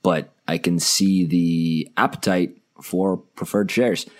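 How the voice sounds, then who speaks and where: A podcast co-host chats about stocks in a relaxed, upbeat way, tossing in jokes and quick asides. His voice sits very low, among the deepest of men's voices. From Canada. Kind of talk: casual podcast chat.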